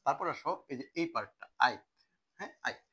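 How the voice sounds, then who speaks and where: A man's voice: medium pitch, big pitch swings, fast talker, sharp tone, breathy edge. A young man teaching a chemistry lesson in a casual style, often asking a question and then answering it himself. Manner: conversational, asks questions and answers them himself. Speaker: chemistry tutor.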